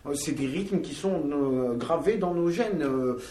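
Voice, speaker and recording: Band member from Algeria, male, slightly higher voice, chatty and halting, recorded roomy and off-mic. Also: animated, mellow, a little hiss or hum. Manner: talkative, searching for words with many fillers. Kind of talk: interview answers. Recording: roomy, from a distance.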